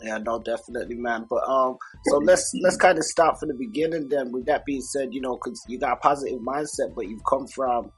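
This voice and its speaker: Husky-voiced British interviewer. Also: male voice, mid-range voice, fairly quick, faint music behind. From United Kingdom. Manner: friendly, informal, many fillers. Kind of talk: casual interview.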